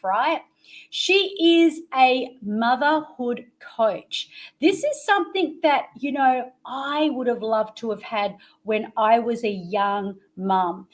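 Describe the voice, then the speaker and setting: Enthusiastic middle-aged woman hosting an interview. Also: on the high side. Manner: enthusiastic, promotional, dramatic emphasis. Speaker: interview show host. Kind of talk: upbeat live interview hosting.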